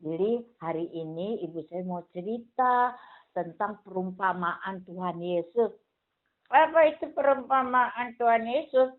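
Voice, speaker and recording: Slow, gentle woman teaching children. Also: mid-range voice. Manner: gentle, coaxing, speaks to children. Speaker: Sunday school teacher. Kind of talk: children's Bible lesson. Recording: tinny phone-like sound.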